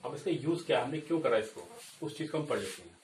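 A young man gives a chalkboard lesson in a classroom, walking through it step by step and checking in with "okay, kids." His mid-range voice is lively and fast, but he's far from the camera set back from the board, so the room echoes, he sounds a bit off-mic, and there's slight background noise.

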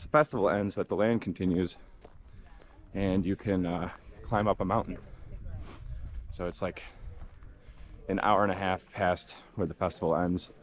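A young man talking casually as a hiking vlogger, laid-back and rambling with lots of fillers, recorded outdoors on an arm's-length camera. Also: fairly low pitch. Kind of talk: casual walking vlog. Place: outdoors at a desert festival campground. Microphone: action camera held at arm's length.

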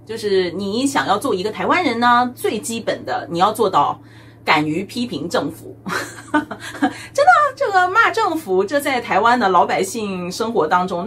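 Brief: a woman vlogger, high-voiced and teasing, with a chatty comic monologue and frequent laughs. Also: fairly bright tone, a little hiss or hum. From mainland China. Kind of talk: comedic monologue to camera.

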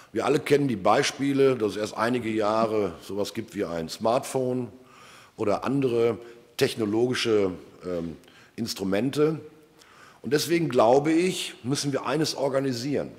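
A man in his fifties giving a formal political keynote speech from a lectern to a large audience, measured and emphatic, posing rhetorical questions. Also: medium pitch. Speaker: keynote speaker. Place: large wood-panelled hall with an audience. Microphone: lectern microphone. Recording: long hall reverb.

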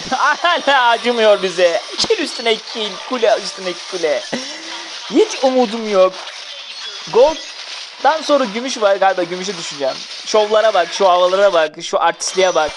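A gamer giving a running commentary on their own mobile match, swearing freely, cheering and scolding teammates in bursts of excitement. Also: mid-range voice, noisy background. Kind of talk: gameplay commentary.

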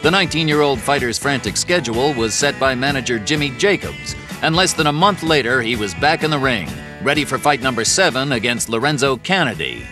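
Male documentary narrator, medium pitch, scripted read over clear guitar music. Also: lively intonation, brisk, hardly any pauses.

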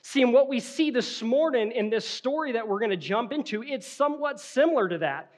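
A man's voice: very high-pitched, lively intonation, a little fast. A man preaching a sermon as pastor, telling vivid stories and acting out quoted lines in a church. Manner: storytelling, acting out scenes with quoted voices. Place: church sanctuary.

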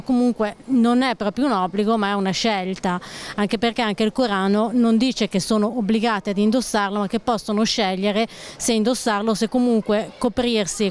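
A woman's voice: mid-range voice, slight background noise. A young woman giving a long, earnest street-interview answer into a handheld mic, outdoors on a town street. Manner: earnest, long run-on explanations. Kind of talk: vox pop answer.

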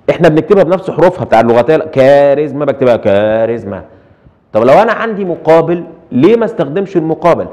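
A middle-aged Egyptian man lectures at a quick clip, his voice sitting at an ordinary pitch. He keeps posing rhetorical questions to the class and slips English terms in between his Arabic explanations. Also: darkish tone. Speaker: university translation lecturer. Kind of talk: recorded lecture.

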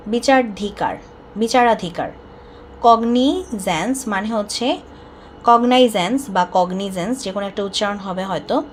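A woman teaching an exam-prep lesson, repeating each answer slowly several times. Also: medium pitch, a little hiss or hum. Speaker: exam tutor.

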